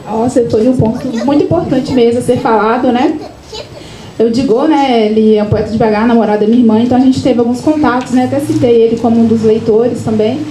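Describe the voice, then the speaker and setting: Speaking fast with fairly even intonation, an author from Minas Gerais, Brazil, tells personal stories at her book launch before a live audience. Her voice is high and mellow, and the event room is echoey with a faint hum. Her chatty style is full of tag questions and restarted sentences.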